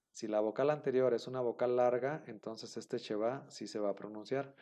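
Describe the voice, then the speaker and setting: A Hebrew teacher explains a rule in an online class, going over it again and again for his students. His mid-range voice is warm, and he speaks patiently with plenty of fillers and small restarts.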